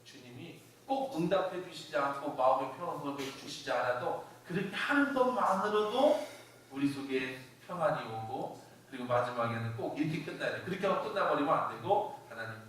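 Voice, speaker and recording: A man's voice: a little high, animated, a little fast, fairly bright tone. A man pastor giving a conversational, emphatic sermon with personal stories, recorded in a church. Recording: very echoey church hall from a distance with faint hiss.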